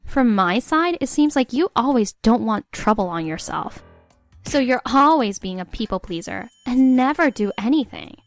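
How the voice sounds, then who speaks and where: This is scripted narration by an actress playing an exasperated young wife telling her own story with sarcasm. Her voice is a little high with lively intonation at a moderate pace, and there's faint music in the background.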